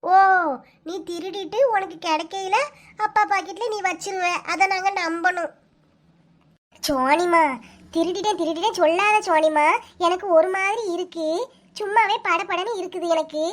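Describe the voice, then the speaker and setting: Very high-voiced woman with a Kanyakumari Tamil accent. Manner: quick, scolding, teasing dialogue. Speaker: cartoon narrator and voice actor. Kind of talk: cartoon voice acting, all characters.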